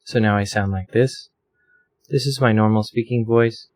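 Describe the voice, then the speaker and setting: A man with a fairly low, somewhat dark voice talks at a normal pace in a steady tone, casually walking through his audio filter settings at a home desk microphone. He rambles, pokes fun at himself, and fills his speech with lots of fillers, while a fan runs in the room.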